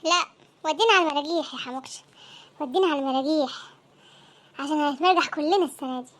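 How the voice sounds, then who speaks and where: A woman with an Egyptian accent voicing panicky teenage students in a comic cartoon, talking in frantic, squeaky chatter. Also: very fast, fairly bright tone. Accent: Egyptian Arabic. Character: panicky teenage students dreading exam results.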